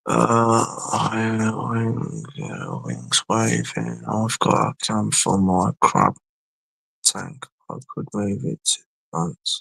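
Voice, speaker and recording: A man's voice: on the low side, animated, takes it slowly, vocal fry, fairly bright tone, husky, no echo. A man hosting a livestream, chatting casually with viewers in a rambling way, swearing and sometimes losing his words. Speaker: livestream host. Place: indoor home studio.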